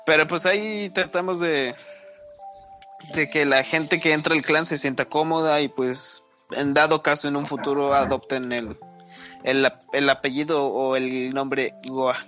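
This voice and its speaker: A man's voice: a little high, steady tone, unhurried, bright, forceful tone, soft background music. A man from Mexico, co-hosting a casual gaming podcast with joking, crude banter. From Nuevo León, Mexico. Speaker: podcast co-host.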